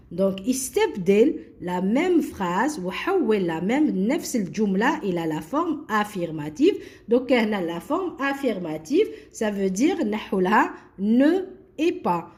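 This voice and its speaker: A French teacher works through exercises, switching between French and Arabic and spelling words out slowly. Her voice sits a little high and moves up and down a lot as she explains. The delivery is patient and repetitive. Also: darkish tone. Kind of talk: classroom lesson explaining grammar.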